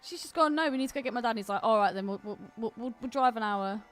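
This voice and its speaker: A podcast co-host with a fairly high voice talks fast, chatting casually about films in an opinionated, bantering way. The recording has no echo and soft background music.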